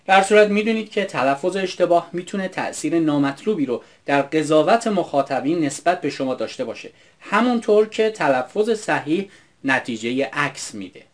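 A man from Iran narrating an English pronunciation lesson in a scripted, explanatory, upbeat way. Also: a little high. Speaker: English teacher.

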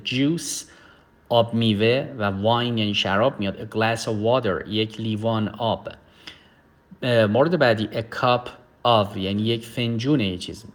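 Male English teacher, low-pitched and methodical, lesson-style delivery. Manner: explains slowly, says English words deliberately and translates each one. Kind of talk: recorded language lesson.

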